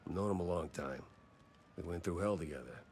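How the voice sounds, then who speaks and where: An actor playing a hard-boiled male mouse detective and war veteran in a cartoon game, with a clipped, gruff noir delivery. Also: sits low, animated, a little fast, a little mellow, a little hiss or hum. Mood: terse, probing.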